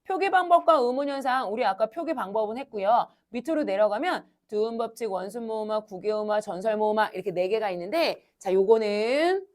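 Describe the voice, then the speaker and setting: Lively-voiced woman teaching a class. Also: fairly high pitch. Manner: asks students questions and answers them herself, brisk and coaxing. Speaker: Korean language teacher. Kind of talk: classroom lecture. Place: cram school classroom.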